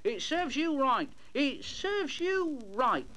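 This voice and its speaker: A man's voice: very high-pitched, big pitch swings, takes it slowly, voice pushed up, heavily acted. A man voicing an eager, plucky little male tank engine in a storybook, urgent and emphatic. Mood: scolding. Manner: urgent, emphatic, repeating phrases. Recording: noisy old storybook LP.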